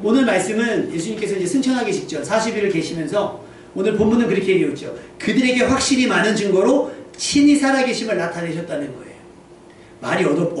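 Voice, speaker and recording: In a church sanctuary, a man whose voice sits high delivers a sermon like a conversation, often turning questions back to the people listening. He's picked up by a distant microphone in a reverberant hall, with slight background noise.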